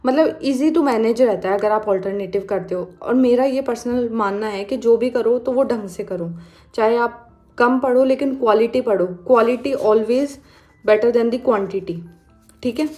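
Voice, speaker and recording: A woman's voice: a little high, normal speed, darkish tone, faint music behind. A young woman vlogger giving casual exam study advice, chatty and mixing English phrases into her talk.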